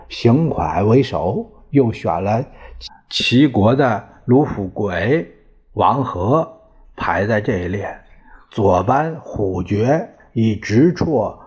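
A man's voice: lowish voice, darkish tone, breathy edge. A man narrating a historical novel as a storyteller, in a colloquial, leisurely way with wry asides. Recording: dull lo-fi recording.

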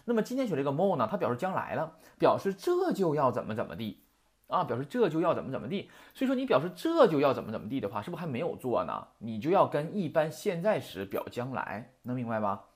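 A mid-range voice with huge pitch swings moves fast as a language teacher explains a lesson to a class. Quoting example sentences and then explaining each, the teacher keeps checking comprehension with a constant "right?".

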